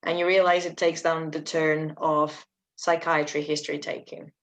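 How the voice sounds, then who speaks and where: A woman's voice: low voice, flat delivery, moderate pace, low-quality recording. A woman student asking her tutor a question in class, hesitant with frequent fillers.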